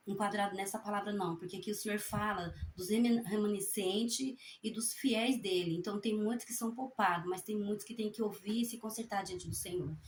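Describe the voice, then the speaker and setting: An evangelical preacher sharing a prophecy, a woman with a medium-pitched voice, gives a fervent spoken testimony and then reads scripture aloud. She talks in a folksy way, adding little tag questions, and her reading is halting as she stumbles and corrects herself. The audio is reverberant with slight background noise.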